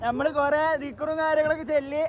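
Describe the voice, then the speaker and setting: A man's voice: very high voice, fairly even intonation, fast talker, lo-fi sound. A man with a Kerala accent vlogging casually with friends, mixing Malayalam with English words. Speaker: amateur vlogger. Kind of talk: casual vlog chat with friends. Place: outdoors on a trip. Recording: loud crowd and outdoor traffic noise.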